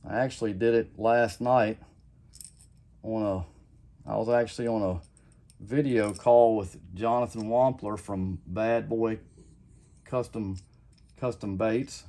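This custom lure maker has a lowish voice and a measured delivery with frequent pauses. The middle-aged man is at his home workbench walking through a casual how-to, rambling, going over the same points again, and leaning on "like I said" in an easygoing, plain manner.

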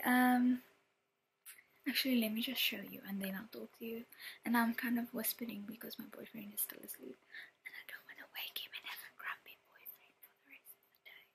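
A woman's voice: mid-range voice, darkish tone, slightly rough. A woman from South Africa chatting casually in a home vlog, rambling with lots of ums and yeahs while filming her living room on a handheld camera. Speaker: lifestyle vlogger.

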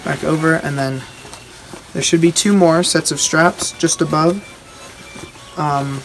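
A young man giving a casual, halting show-and-tell as a video host, recorded outdoors at a short distance from the camera. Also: fairly high pitch, fairly even intonation, slight background noise. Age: teenager or young adult. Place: outdoors on a wooden backyard deck.

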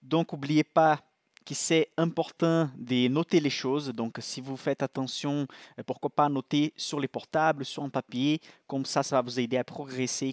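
Man, Brazilian accent, native Portuguese speaker, livestream host, mid pitch, dry close mic. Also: no echo. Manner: chatty, repeats "ok?" and restarts. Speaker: livestream host, financial analyst. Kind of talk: live-streamed investing class.

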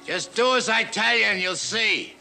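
An actor playing a menacing outlaw in a TV western, calling out commands across a distance. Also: male voice, sits high, moderate pace, vocal fry, pushed and bright, soft background music, full character voice. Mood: threatening. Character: menacing male outlaw leader calling out orders. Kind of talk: 1960s television western acting.

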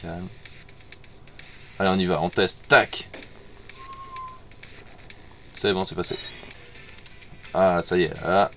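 A man's voice: sits low, steady tone, takes it slowly, pauses often, a bit bright, faint music behind. A man gives casual commentary over his gameplay, muttering to himself, repeating words and swearing when he fails. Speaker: gamer playing on stream.

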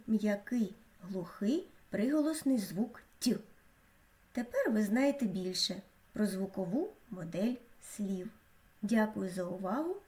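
A woman with a mellow, dark-toned voice narrates a school lesson. She speaks slowly and clearly, like a teacher, pronouncing each sound with care. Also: fairly high pitch. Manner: slow, clear, teacherly delivery with careful pronunciation. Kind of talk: scripted educational narration.

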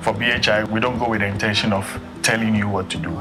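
A man's voice: fairly low pitch, steady tone, fast talker. A man from Ghana, a biomedical engineer, explaining his work steadily in a documentary interview. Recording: interview with music bed behind.

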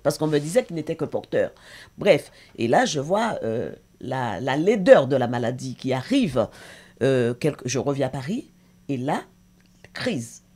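A woman's voice: very deep voice, sing-song, a little slow, dark tone. A middle-aged woman, a talk show guest and association president, giving an intense, emotional personal testimony with hesitations.

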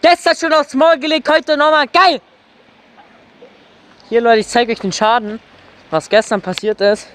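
A man's voice: extremely high pitch, fairly even intonation, a little slow, pauses often, background noise. A young man vlogging from a bike with his microphone tucked inside his helmet, rowdy and whooping as he rides. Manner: rowdy, whooping and yelling while riding. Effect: voice from a mic inside a helmet. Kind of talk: casual vlog chat. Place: outdoors on a moving bike in the city. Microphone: microphone inside his helmet lining.

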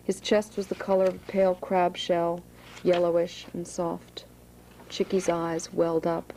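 A woman author reading her own novel aloud to students in a high school room, with plain asides. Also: little pitch movement, unhurried, dark tone, a little hiss or hum, low-quality recording.

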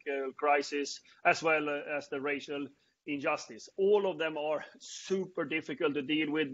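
A middle-aged man with a Swedish accent, hosting a panel on a video call and speaking haltingly with many fillers and restarts. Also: on the high side, fairly bright tone. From Sweden. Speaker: panel host. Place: indoors before a branded backdrop. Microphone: earbuds on a video call. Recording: dull lo-fi video-call audio.

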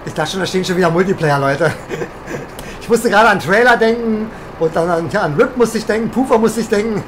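A woman's voice: mid-range voice, brisk, a little hiss or hum. A woman streaming a truck driving game, chatting and teasing her viewers in a mock-indignant, rambling way. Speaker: gaming streamer. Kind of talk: live game commentary reading chat.

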